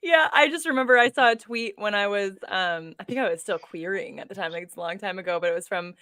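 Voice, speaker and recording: A woman's voice: medium pitch, fast talker, bright, forceful tone, smooth, dry recording. Chatty woman hosting, close dry sound. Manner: chatty, laughs easily while talking. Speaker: livestream host and fellow author. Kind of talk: casual interview chat.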